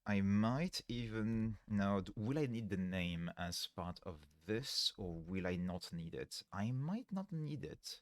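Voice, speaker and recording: A man's voice: fairly low pitch, animated, dry recording. Tired-sounding man streaming on a headset mic. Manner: explains step by step, pausing and correcting himself mid-sentence. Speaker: livestreaming programmer. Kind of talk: thinking aloud while coding on a live stream. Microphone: livestream headset mic.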